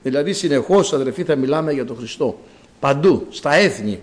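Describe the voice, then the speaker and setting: A man preaching a sermon as a priest, with dramatic rises and drawn-out words. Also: medium pitch, animated.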